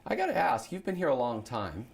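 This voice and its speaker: A man hosting a morning interview show, chatty and animated, his voice hoarse and scratchy today. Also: mid-range voice, brisk. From Saskatchewan. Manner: lively, chatty, animated questioning. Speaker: show host.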